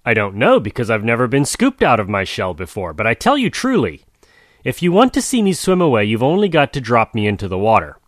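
A man with a mid-range voice plays a sly, clever male tortoise who stays calm while talking in coaxing, wordy, tongue-twisting circles. His pitch swoops wildly and his pace is brisk. The recording is clean studio sound with no echo.

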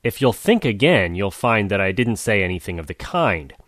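A man's voice: on the low side, very animated, normal speed, a bit bright, dry recording, clean studio sound. A man doing a sly, wordy tortoise. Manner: tongue-twisting, coaxing. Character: sly, wordy male tortoise, calm and clever.

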